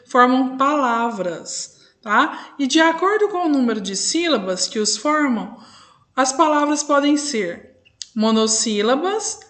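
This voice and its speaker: A woman's voice: high-pitched, fairly bright tone. A woman schoolteacher giving an online lesson to young pupils, patiently drawing out syllables and checking in often. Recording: echoey room.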